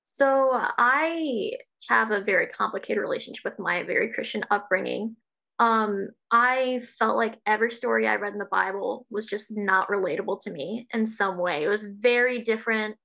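A woman reflecting slowly in a casual book club discussion over a video call. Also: medium pitch, gravelly, sharp tone. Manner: reflective, slow in places.

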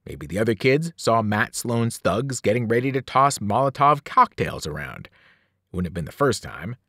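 A man, a teacher, reading a novel aloud in an animated storytelling voice, rising and falling with the action. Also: moderate pace, husky, dry recording, studio quality. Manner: animated storytelling, shifting pitch and loudness with the action. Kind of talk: expressive read-aloud narration.

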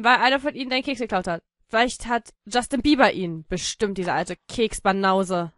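German woman, high bright voice, dry close sound, silly game commentary with shouty outbursts. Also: no room sound. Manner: silly, bursts of shouting, narrates in mock-story tone. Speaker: gaming YouTuber. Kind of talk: playful let's-play commentary.

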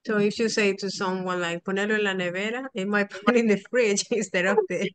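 A woman's voice: mid-range voice, fairly even intonation, fairly quick, smooth. A woman co-teaching an online language class on a video call, giving short friendly examples. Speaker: co-host and native-speaker teacher.

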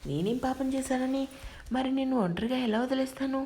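A woman's voice: high-pitched, fairly quick, roomy sound, a little hiss or hum, close to an everyday voice. A woman voicing a fiery young wife who answers back sharply in a story reading. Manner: sharp, challenging retorts.

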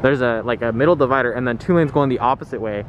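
A man's voice: mid-range voice, quick pace, muffled recording. A young man chatting easygoingly with lots of fillers, filming a casual vlog on a handheld camera. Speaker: vlogger. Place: large store, then outdoors at night, then a home kitchen. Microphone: handheld camera at arm's length. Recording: background noise.

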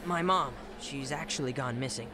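A man's voice: mid-range voice, moderate pace, background noise, natural voice. An actor playing an earnest, eager young man in a video game dub. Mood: concerned. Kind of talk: English game dub acting.

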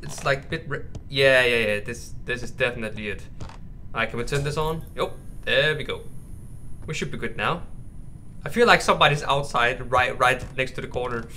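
A gaming YouTuber gives casual, nervous commentary on a horror game, calling his viewers bros and mate. His medium-pitched voice is bright and forceful at a moderate pace, and clear background noise with game ambience is audible.

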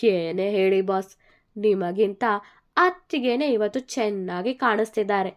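A woman's voice: mid-range voice, animated, measured pace, close to an everyday voice. A woman voicing a cheeky, joking young man, the hero's loyal friend, in a told story.

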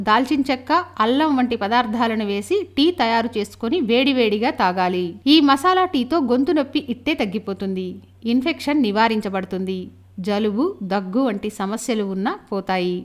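A woman narrating a scripted health-tips voice-over, calling out each remedy's name louder and higher before explaining it.

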